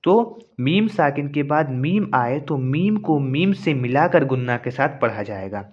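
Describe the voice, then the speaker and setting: A man with a fairly high voice teaches recitation rules in a patient lesson and goes over each point again and again. The recording sounds dull and lo-fi. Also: lively intonation, a little slow. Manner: repetitive, patient explaining. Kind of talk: explanatory lesson with slow recited examples.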